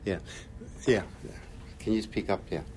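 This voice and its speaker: A man moderating, briskly calling for questions and hurrying the speakers. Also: lowish voice, fairly even intonation, darkish tone, a little hiss or hum.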